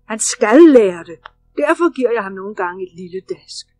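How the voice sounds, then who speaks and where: A woman's voice: mid-range voice, lively intonation, no room sound, soft background music, close to an everyday voice. A woman voicing a big male bear who teaches a jungle boy, firm and earnest, in a storybook reading.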